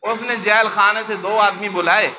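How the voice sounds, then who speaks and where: High-voiced male preacher over background noise. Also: moderate pace, low-quality recording. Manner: acts out quoted speakers in changed voices. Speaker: mufti preacher. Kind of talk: religious sermon, storytelling. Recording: clear steady background noise.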